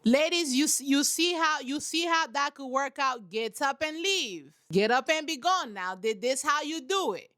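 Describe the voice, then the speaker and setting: A woman's voice: high-pitched, normal speed, hardly any pauses. A woman giving casual reaction commentary on a reality TV show, emphatic and preachy, repeating her points and talking straight to her listeners. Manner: animated, talks straight to her audience.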